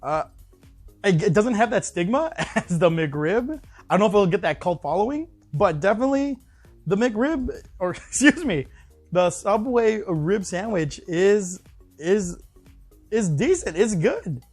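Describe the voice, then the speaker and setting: A man casually reviewing a fast-food sandwich in a vlog, rambling with lots of fillers and restarts, sometimes talking with his mouth full. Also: high voice, lively intonation, husky, faint music behind. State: talking while chewing.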